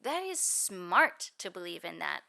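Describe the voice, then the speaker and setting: Bright-voiced woman interpreting a dharma talk. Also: on the low side, sing-song, measured pace, vocal fry. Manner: fluent and explanatory, with frequent "you know" and "actually".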